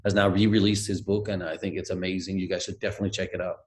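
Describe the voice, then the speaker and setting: Heard through a webcam on a video call from his home, this Danish guest, a middle-aged man, recounts stories with a lot of fillers and a hesitant, reflective feel. His low voice comes out flat and rapid-fire.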